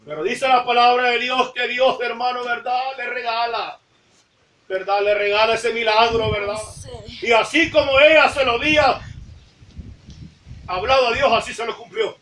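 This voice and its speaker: A woman preaching a sermon in a church, fervent, tagging nearly every phrase with a call to the congregation and rising to shouts at the high points. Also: fairly even intonation, normal speed, reverberant, far from the mic. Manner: fervent, repeats "hermano, ¿verdad?" after nearly every phrase; rises to shouting at emphatic points.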